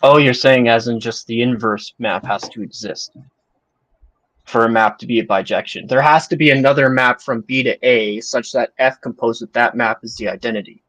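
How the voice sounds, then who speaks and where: A man's voice: medium pitch, steady tone, moderate pace, a bit bright, no room sound, low-quality recording. A young man co-hosting a math chat over a video call, thinking aloud as he answers and adding jokey asides. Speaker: co-host answering questions. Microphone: video call mic.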